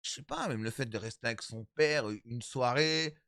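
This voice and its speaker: A man of thirty-five chatting casually with his stream viewers, animated and repetitive, calling them his brothers. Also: medium pitch, normal speed, clean tone, no room sound, studio quality. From Italian background. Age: 30s.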